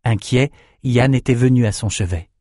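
A man reading a fantasy novel aloud in steady, measured scripted narration. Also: mid-range voice, no room sound, clean studio sound. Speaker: audiobook narrator.

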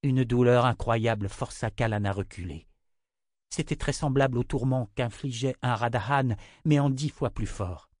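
Measured male fantasy narrator. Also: medium pitch, darkish tone, no room sound, studio quality. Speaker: audiobook narrator.

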